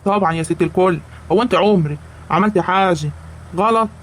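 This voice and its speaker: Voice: mid-range voice, quick pace, a little hiss or hum, lightly acted. An actor as a coaxing old village patriarch. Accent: Egyptian rural. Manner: coaxing, flustered. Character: old village patriarch caught between wives.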